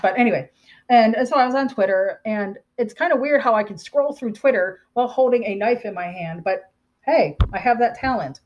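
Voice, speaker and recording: A woman's voice: on the high side, a little fast, darkish tone, muffled recording. A woman, telling a personal story to camera in a rambling, candid way with fillers and repeats.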